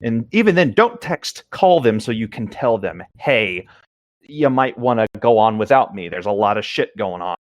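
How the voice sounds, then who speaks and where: A man co-hosting a casual show reads a story aloud informally, bantering and dropping in his own comments. His fairly low voice is sing-song at a moderate pace, in a dry, studio-quality recording.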